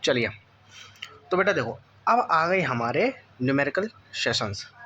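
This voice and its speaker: A man teaching a class ten physics lesson, often asking students questions and checking that they follow. He keeps saying "okay" and reads English textbook lines in an Indian English accent, slowly and deliberately. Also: fairly high pitch, sing-song, sharp tone, a little hiss or hum. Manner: addresses students as beta, repeats "theek hai" often. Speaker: physics tutor. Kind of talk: board-exam coaching lesson.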